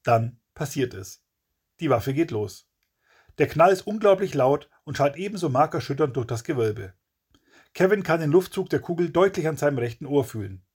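A man reads a crime story aloud with dramatic, punchy delivery. His voice sits a touch high and is husky, swinging widely in pitch to push the tension. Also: expressive, normal speed, a little mellow. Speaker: narrator. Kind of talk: scripted audiobook narration.

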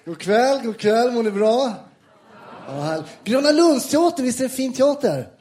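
High-voiced Swedish man doing stand-up. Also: sing-song. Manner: loud, laughing, swearing storyteller who acts out both sides of an exchange. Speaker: stand-up comedian. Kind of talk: stand-up comedy set. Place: large theatre with a live audience.

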